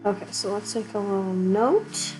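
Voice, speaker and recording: A woman's voice: mid-range voice, moderate pace, over music, low-quality recording. A woman streamer giving casual let's-play commentary, chatty and giggly, thinking aloud with the hiccups.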